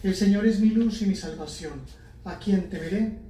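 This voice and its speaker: High, mellow male lector in echoey church. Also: normal speed. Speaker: lector at Mass. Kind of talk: solemn scripture and psalm reading. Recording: echoey church, distant mic, faint noise.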